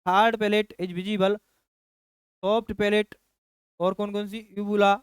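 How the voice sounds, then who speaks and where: A man's voice: high voice, level tone, measured pace, clear, resonant tone, no room sound. A man teaching a nursing lecture who repeats key phrases and keeps asking his class rhetorical questions. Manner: addresses students as children. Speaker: nursing coach.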